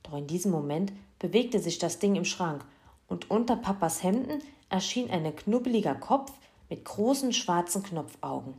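Woman storyteller, fairly low voice, lively, expressive, children's story. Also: normal speed.

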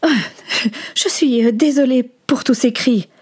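A woman voicing a caring young aunt who speaks softly and hesitantly. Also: high-pitched, measured pace, pitched above the performer's own voice. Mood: flustered. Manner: soft, hesitant.

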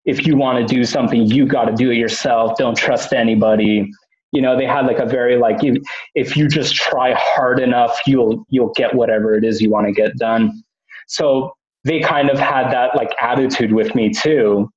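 A man's voice: medium pitch, fairly even intonation, normal speed. Man rambling with fillers, roomy lo-fi sound. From Canada. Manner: rambling, lots of fillers and restarts. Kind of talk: casual chat.

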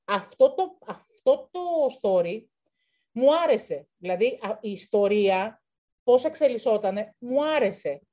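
A woman's voice: mid-range voice, lively intonation, dark tone. A woman chatting casually about a film, rambling with frequent restarts. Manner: rambling, restarts often, calls things chaos. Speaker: co-host. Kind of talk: casual film review chat.

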